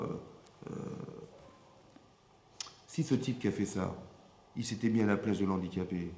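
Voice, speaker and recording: A man's voice: lowish voice, vocal fry, a little mellow. A man, a rabbi, giving a Torah lesson and often stopping to check that his listeners follow. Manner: keeps checking with listeners, repetitive asides. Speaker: rabbi teaching a class. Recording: echoey room with faint background hum.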